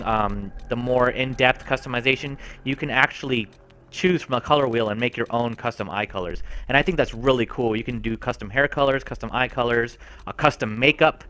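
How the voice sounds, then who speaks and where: A man's voice: medium pitch, pushed and bright. A man giving casual, enthusiastic gameplay commentary as a game reviewer. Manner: chatty and enthusiastic.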